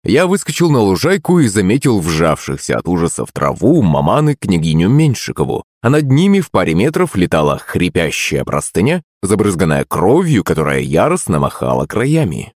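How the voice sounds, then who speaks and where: A man's voice: sits low, huge pitch swings, normal speed, hardly any pauses, darkish tone, dry recording, clean studio sound. A man reading a first-person audiobook as narrator.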